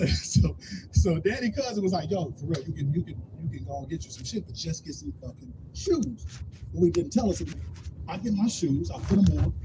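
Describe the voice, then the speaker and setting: A man with a high voice tells a story in a loose, animated way, acting out everyone's lines. The live stream is noisy behind him. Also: fairly quick. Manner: animated, acts out quotes in different voices. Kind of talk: casual stand-up style storytelling.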